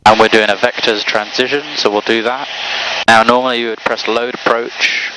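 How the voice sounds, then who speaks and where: A man's voice: medium pitch, little pitch movement, normal speed. A man flying a small plane, giving clipped procedural radio calls and talking through his actions over a cockpit headset. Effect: pilot speaking over cockpit headset intercom. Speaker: pilot flying, student. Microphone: headset boom mic. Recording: noisy cockpit headset audio.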